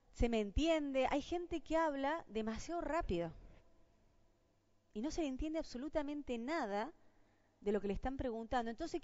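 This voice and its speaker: A woman's voice: fairly high pitch, darkish tone, dry recording. An Argentine woman giving a university lecture on job interviews, asking her audience rhetorical questions. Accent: Argentine Spanish. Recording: dull lo-fi dry sound.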